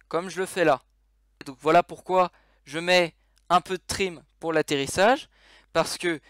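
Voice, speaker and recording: A man's voice: sits high, fairly bright tone, no echo, clean studio sound. A man giving a casual game tutorial over his screen, explaining controls with many fillers and restarts.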